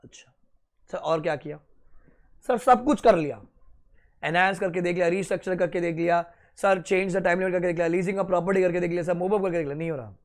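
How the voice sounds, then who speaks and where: High-voiced lecturer quizzing his students. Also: brisk. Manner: quizzing, playful, answers his own questions; mixes Hindi and English. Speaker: teacher. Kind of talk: classroom lecture.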